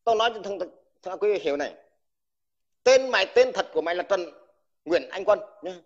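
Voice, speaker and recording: A man's voice: high voice, expressive, a little fast. A man who is an army veteran, delivering an angry, insulting rant to someone in a livestream and stammering over repeated words when heated. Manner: combative, insulting, addresses the listener with crude terms. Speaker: army veteran speaking out online. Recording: dull lo-fi recording.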